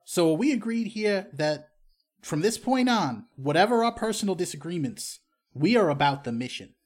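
A man's voice: high voice, very animated, normal speed, pitched above the performer's own voice. A man playing an exasperated crime crew leader in a tabletop game, stern and lecturing.

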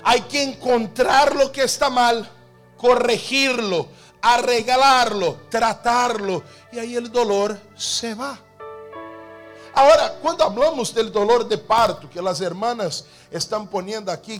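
A pastor preaching a sermon, asking repeated rhetorical questions and slowing down to stress key phrases. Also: male voice, very high-pitched, fairly bright tone, soft background music.

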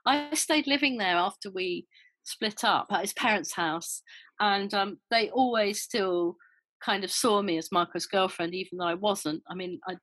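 A woman's voice: medium pitch, normal speed, a bit bright, no echo, low-quality recording. Older woman musician reminiscing, dry sound. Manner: rambling, hesitant, many fillers and restarts. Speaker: interview guest, former band member. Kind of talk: casual interview chat.

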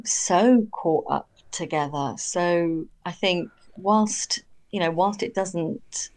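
A woman in her thirties speaks as a psychologist guest on a podcast. Her voice is lowish and gravelly, and she talks gently and candidly. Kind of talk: podcast interview.

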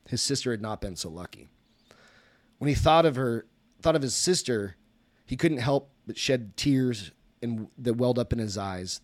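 A man's voice: medium pitch, darkish tone, no room sound. A man, host of a podcast, reading a story aloud in a casual way, often stopping to correct himself.

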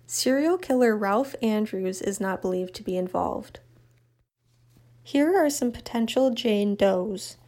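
A woman narrating a true crime update in an even, matter-of-fact scripted read. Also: mid-range voice.

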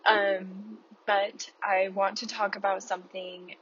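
Woman on a low-quality earbud mic. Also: little pitch movement, slow, fairly bright tone, a little hiss or hum. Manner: hesitant and rambling, with many fillers. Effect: low-quality earbud-mic sound. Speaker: podcast host. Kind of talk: casual reflective podcast monologue. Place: inside a car while driving. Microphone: wireless earbuds. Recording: dull lo-fi earbud mic in a car.

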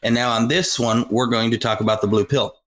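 A man co-hosts a gaming podcast, speaking at an average pitch. He offers strong opinions and jokes around in loose, casual chat. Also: steady tone, a little fast, a bit bright. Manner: opinionated, joking. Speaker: podcast co-host.

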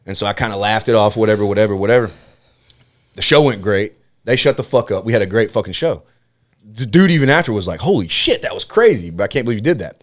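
A man talking quickly and loosely, a comedian on a podcast spinning a profane, animated story. His voice sits a little low, and he jumps in pitch whenever he acts out what people said. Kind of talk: casual storytelling chat.

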